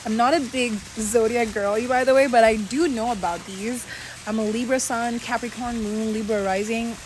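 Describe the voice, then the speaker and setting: A chatty young woman in her twenties talks through a casual about-me vlog, confiding and full of fillers. Her voice sits a little high. A steady hiss of noise runs under the recording. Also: moderate pace, poor audio. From Saudi Arabia. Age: 20s. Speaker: content creator.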